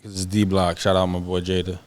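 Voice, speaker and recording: A man's voice: low-pitched, level tone, fairly quick, crowd noise. A young man co-hosting a podcast, chatting loosely and joking, sometimes reading search results aloud. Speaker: podcast co-host. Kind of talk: casual chat.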